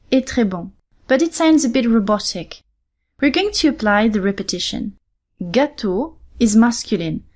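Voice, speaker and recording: A higher-voiced woman teaching on a podcast. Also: a little mellow. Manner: explains step by step, repeating example phrases slowly. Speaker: French teacher and podcast host. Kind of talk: podcast language lesson.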